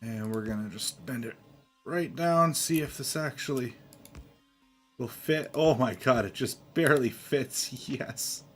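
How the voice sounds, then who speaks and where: A man's voice: mid-range voice, measured pace, fairly bright tone, soft background music. A man doing casual live gameplay commentary, thinking aloud and chatting to viewers as a streamer. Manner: thinking aloud, often chuckling. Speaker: game streamer.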